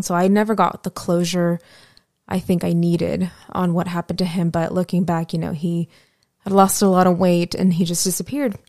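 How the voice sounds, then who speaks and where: A woman guest on a podcast, speaking reflectively and hesitantly, with many pauses and fillers. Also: lowish voice, darkish tone, no room sound, clean studio sound. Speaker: guest, host's fiancée. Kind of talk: personal conversation.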